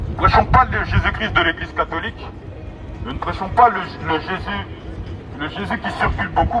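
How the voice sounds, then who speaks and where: Outdoors on an urban public street, a man with a high-pitched voice delivers a megaphone sermon as a street evangelist, repeating himself and pressing his points emphatically. The recording is dull and far off, with heavy street noise, traffic, and city sounds around him.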